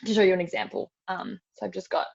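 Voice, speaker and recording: A fast-talking Australian woman with a mid-range, gravelly, slightly mellow voice and big pitch swings gives a casual, chatty step-by-step tutorial as a webinar presenter, often saying "like" and "super". It comes through a video call with dull lo-fi audio.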